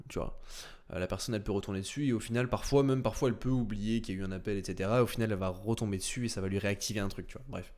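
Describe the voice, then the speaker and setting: A man demoting nothing but walking through software in a casual, rapid screen-share tutorial, full of fillers and little sound words. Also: fairly low pitch. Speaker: sales coach.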